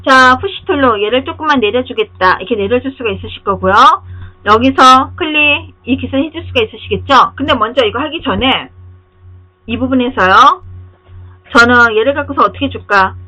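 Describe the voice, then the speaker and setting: A woman giving a step-by-step software tutorial over a screen recording, often pausing to ask the viewer whether they are following. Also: fairly high pitch. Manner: asks the viewer frequent rhetorical check-in questions; step-by-step, directive instructing. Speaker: software instructor. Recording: dull lo-fi recording.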